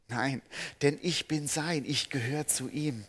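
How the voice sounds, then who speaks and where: Earnest German-speaking preacher man. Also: on the high side. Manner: earnest, rises to emphatic peaks then drops soft and slow; addresses listeners directly with questions. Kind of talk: sermon.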